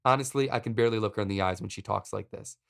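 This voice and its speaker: A man hosting a podcast, narrating a personal story in a wry, deadpan comic way. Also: fairly low pitch, very fast, creaky. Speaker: podcast host.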